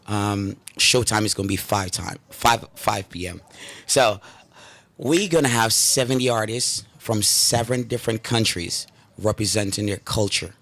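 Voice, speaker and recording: A man's voice: on the low side, measured pace, a bit bright. A man from Guyana, a guest on a radio talk show, talking with enthusiasm and many fillers from inside the studio. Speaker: guest, drumming school founder. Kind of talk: radio interview.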